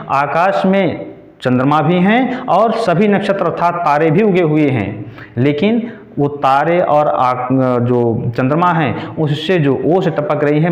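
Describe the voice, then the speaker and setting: A man teaching a poetry lesson, reading verse lines slowly and then explaining each one in plain words. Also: a little high. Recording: echoey lo-fi room recording.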